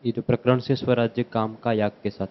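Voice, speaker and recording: A man's voice: medium pitch, level tone, fairly quick, lo-fi sound. A man student asking tentative questions in a class.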